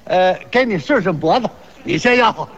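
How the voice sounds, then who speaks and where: A man's voice: high-pitched, lively intonation, moderate pace, fairly bright tone, slight background noise. A man performing comic crosstalk, firing back teasing retorts and sing-song vendor cries. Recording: dull lo-fi recording.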